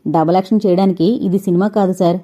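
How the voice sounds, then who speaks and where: A woman voicing a stern male police constable who speaks curtly and flatly. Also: on the low side, fast, dull audio, close to an everyday voice. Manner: curt, matter-of-fact.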